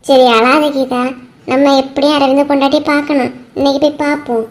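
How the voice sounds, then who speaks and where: A woman voicing a blunt, sharp-tongued village woman in a cartoon, with a Kanyakumari Tamil accent and blunt, scolding retorts. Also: sits high, level tone, brisk, close to an everyday voice. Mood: soothing. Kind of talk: cartoon voice acting.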